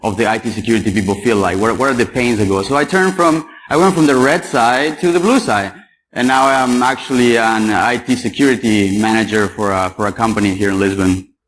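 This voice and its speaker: A man's voice: lowish voice, fairly even intonation, a little fast, fairly bright tone, a little hiss or hum, low-quality recording. A young man from Paraguay giving a chatty, joking talk at a security conference and quizzing the audience. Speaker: conference speaker. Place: conference hall.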